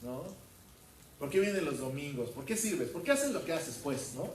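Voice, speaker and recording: A pastor giving a verse-by-verse sermon, asking his congregation questions and filling pauses with hesitations. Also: on the high side, big pitch swings, slight background noise. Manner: questions the congregation, many fillers. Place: church hall. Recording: roomy hall from far off.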